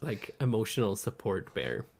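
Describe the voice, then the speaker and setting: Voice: deep voice, big pitch swings, gravelly, a little hiss or hum. A co-host and convention artist, gushing fondly and telling stories in casual podcast chat. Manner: slow, warm-hearted, gushing storyteller.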